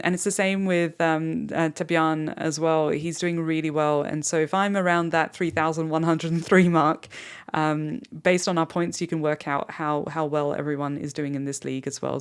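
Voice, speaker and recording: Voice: mid-range voice, clear, resonant tone. A fantasy football channel host rambling off the cuff, thinking aloud and talking straight to listeners in a solo podcast.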